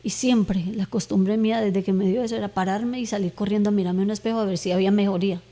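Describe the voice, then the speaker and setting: A middle-aged woman speaks in a warm, mellow voice as a podcast guest giving a faith testimony. Her telling is earnest and heartfelt, and it rises into fervent, pleading prayer when she retells her own words. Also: mid-range voice, steady tone, fast talker. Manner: earnest, emotional storytelling with fervent prayer retold aloud. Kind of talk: personal testimony in conversation.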